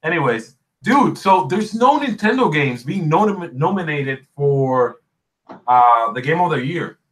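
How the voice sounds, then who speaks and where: Guy hosting a gaming stream podcast, super excitable, kinda high voice, lots of dude and bro. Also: a little slow, rough recording. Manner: excitable, chatty, says dude and bro a lot. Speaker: podcast host. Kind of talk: casual livestream chat.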